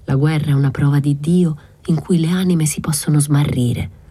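A woman voicing a pale, fat friar, anxious and pious, speaking in a hushed, partly whispered voice. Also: low voice, steady tone, moderate pace, breathy edge.

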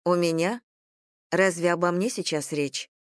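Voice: medium pitch, measured pace, no echo, clean studio sound, natural voice. A reader voicing an impassive young woman who speaks evenly and coolly. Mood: calm. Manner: even, detached.

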